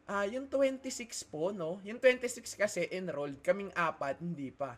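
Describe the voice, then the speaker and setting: Young man, high voice, animated storyteller in a casual chat, swears, gets loud. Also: moderate pace. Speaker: student telling a story.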